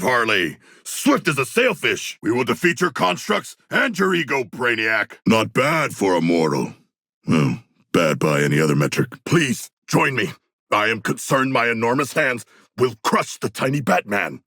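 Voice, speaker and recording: A man voicing a huge, earnest, proudly ferocious shark-man warrior in a video game, with gravelly, stiffly formal and grandiose diction. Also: mid-range voice, sharp tone, no room sound, studio quality, exaggerated voice. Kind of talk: video game character battle barks.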